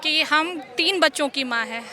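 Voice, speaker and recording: A woman's voice: high voice, moderate pace, bright, forceful tone, some chatter behind. A woman in her forties, an exam candidate, making an emotional, indignant plea in a street interview outdoors. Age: 40s. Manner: pleading, indignant.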